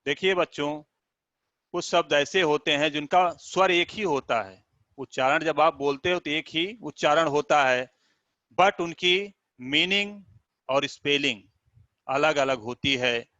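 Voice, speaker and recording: A man teaches children in an unhurried, deliberate way, saying each word more than once and spelling it letter by letter. His voice is bright and the room sounds dry. The recording is dull and lo-fi. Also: medium pitch, no room sound. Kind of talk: classroom video lesson.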